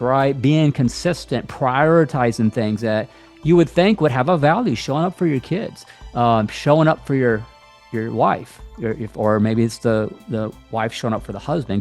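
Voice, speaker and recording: A man speaking in a blunt, conversational monologue about relationships, with frequent asides and mock quotes. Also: mid-range voice. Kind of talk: casual monologue to camera.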